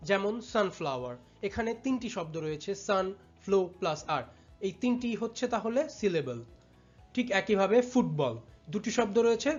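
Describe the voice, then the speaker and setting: A teacher giving a step-by-step lesson, patiently repeating words and drawing them out slowly syllable by syllable. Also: medium pitch, breathy edge. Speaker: English teacher. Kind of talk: step-by-step tutorial explanation. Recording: slightly dull audio with faint background music.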